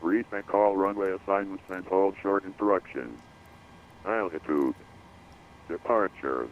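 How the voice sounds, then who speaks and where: Low deep guy on an automated airport weather broadcast, flat repetitive radio readout, kinda muffled. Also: unhurried. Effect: radio broadcast of automated airport information. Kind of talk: recorded airport weather and runway information broadcast. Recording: dull lo-fi radio feed with faint hiss.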